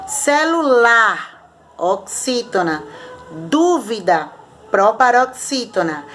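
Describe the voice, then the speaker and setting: Brazilian teacher lady, bit high voice, reads out words nice and slow for little kids, faint hiss behind. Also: a bit bright. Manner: slow, patient, spelling out words syllable by syllable. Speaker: primary school teacher. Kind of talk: remote video lesson correcting homework.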